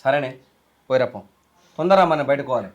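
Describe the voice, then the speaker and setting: A man's voice: mid-range voice, lively intonation, fairly quick, roomy sound, highs cut off, close to an everyday voice. A man with a Telangana accent playing an elder brother who speaks curtly. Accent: Telangana Telugu. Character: brusque elder son, easily misled. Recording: loud film music behind.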